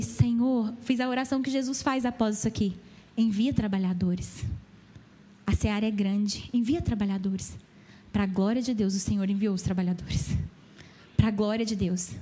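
High-voiced woman pastor preaching. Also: fairly even intonation, moderate pace, mellow. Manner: emphatic preaching with direct questions to the congregation. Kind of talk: sermon. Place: church.

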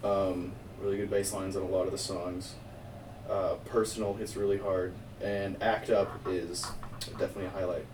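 A young man co-hosting a podcast in casual chat, easygoing and quick to laugh. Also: sits low, level tone, background noise. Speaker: podcast co-host. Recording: roomy sound, mic at a distance.

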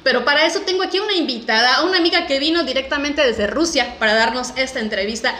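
Bright, emphatic Mexican woman hosting. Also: high-pitched, fast, echoey room, slight background noise. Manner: emphatic, chatty. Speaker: podcast host. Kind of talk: upbeat presenting and interviewing.

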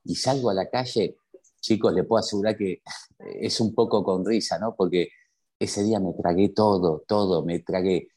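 A man's voice: low-pitched, fairly even intonation, normal speed, warm tone, slightly rough. A man with an Argentine accent, a guest telling his personal story with emphatic rhetorical questions. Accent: Argentine Spanish. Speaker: interview guest.

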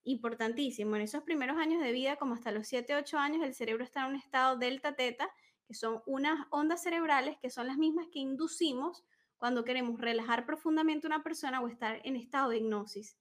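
A woman's voice: sits high, fast. A woman coach talking in an interview, explaining ideas patiently and acting out little examples of what a parent might say. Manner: warm, explanatory, acts out examples. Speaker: emotional wellness coach. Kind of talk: conversational interview.

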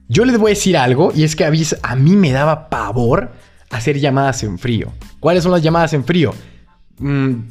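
Mexican guy hosting a sales podcast, chummy and jokey, bouncy pitch all over, faint music behind. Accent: Mexican Spanish. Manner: animated, joking, chummy. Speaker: podcast host and sales coach. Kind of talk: casual motivational monologue.

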